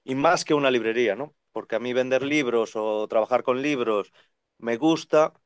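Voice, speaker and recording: A man in his thirties, a second-hand bookseller, chatting on a video call in an animated way, talking in long runs. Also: mid-range voice, normal speed, clean tone, no room sound, clean studio sound. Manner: animated, talks in long runs and acts out quoted voices. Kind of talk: casual conversational interview. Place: bookshop with full shelves behind. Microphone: video call webcam.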